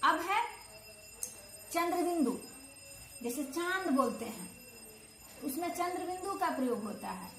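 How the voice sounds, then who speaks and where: A woman teaching a grammar lesson to children, going slowly, repeating key terms and asking questions she then answers. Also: extremely high pitch, animated, a bit bright, soft background music. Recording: echoey room with faint ambience.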